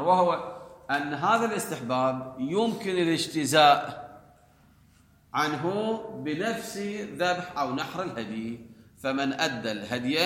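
A man's voice: medium pitch, a bit bright. A man teaching a class. He reads a text aloud, then explains it and puts questions to his students. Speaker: teacher of religious law. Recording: echoey hall with long reverb.

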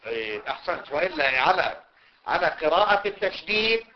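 Guy teaching a grammar class, keeps repeating stuff and asking if it's clear, slightly high voice, dull lo-fi recording. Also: very animated, fairly quick, a little hiss or hum. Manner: repeats points and checks understanding. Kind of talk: classical text lesson.

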